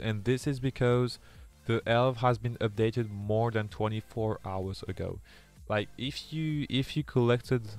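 Here a young man from France, a native French speaker with a French accent, talks with his stream viewers while playing, voicing their chat messages aloud. Earnest and prone to many restarts, he speaks in a lowish voice.

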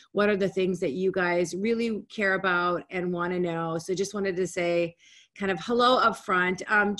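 A woman, giving an energetic, conversational webinar talk from home over a video call. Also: mid-range voice. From United States. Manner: energetic and conversational, speaking in quick bursts with restarts. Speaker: guest speaker. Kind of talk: webinar presentation. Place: home room, indoors.

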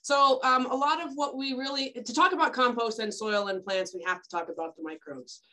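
A woman's voice: on the high side, fairly quick, pushed and bright. A woman extension educator giving a friendly, step-by-step talk on compost over a video call. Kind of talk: informal webinar presentation.

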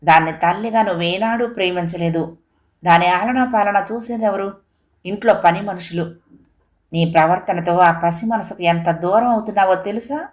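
A woman's voice: on the low side, moderate pace, natural voice. A woman voicing a feverish, hurt husband who pleads earnestly with his wife. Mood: pleading.

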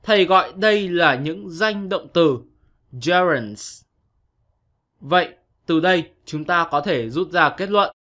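A man's voice: sits high, expressive, slow pace, pushed and bright. A man teaching an English lesson to young pupils, explaining patiently step by step in a scripted online-lesson narration.

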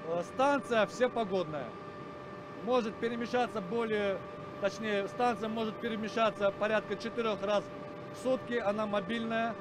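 High-pitched hesitant man over clear noise. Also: steady tone, moderate pace. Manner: hesitant, formal. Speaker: radar station serviceman. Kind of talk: halting explanatory interview. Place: cramped military equipment cabin. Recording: clear equipment and vehicle-like noise.

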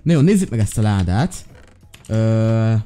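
A young man giving excited, loud commentary on his own Minecraft play, often jumping into high yelps and shouts. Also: clean tone. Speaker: gaming YouTuber.

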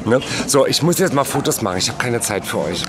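A man's voice: mid-range voice, big pitch swings, fairly quick, a crowd in the background. A man in drag vlogging to camera, camp and playful, making fun of himself. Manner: camp, playful, self-mocking. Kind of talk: chatty on-the-go vlog. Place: car, then outdoor terrace and large hall. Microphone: handheld camera at arm's length.

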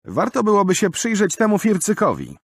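A man's voice: high voice, wildly swooping pitch, a little fast, slightly rough, no echo, pitched above the performer's own voice, exaggerated voice. A man doing a wry, mocking young man. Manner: dry, mocking.

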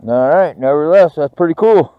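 A man hosting a metal detecting vlog, rambling casually to viewers with many pauses and ums. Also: a little high, expressive, muffled recording, a little hiss or hum. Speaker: metal detecting channel host. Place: outdoors on a grassy course, then an indoor home office.

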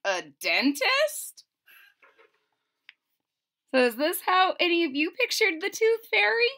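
In a small room at home, a middle-aged woman reads a story aloud to children with theatrical emphasis, stretching out the key words. Her voice is extremely high, lively in intonation, bright and forceful, and a little fast.

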